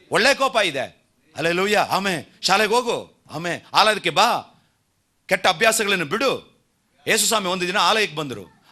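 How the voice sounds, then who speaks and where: A man's voice: high-pitched, sharp tone. A man preaching a sermon, leading the congregation in call and response with frequent hallelujahs and amens. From India. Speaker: pastor.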